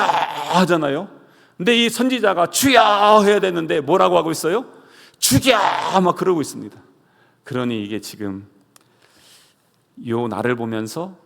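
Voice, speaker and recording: A male pastor preaching a sermon, swinging between loud cries and hushed asides and asking the congregation rhetorical questions. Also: on the high side, creaky. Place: church sanctuary. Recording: reverberant church hall.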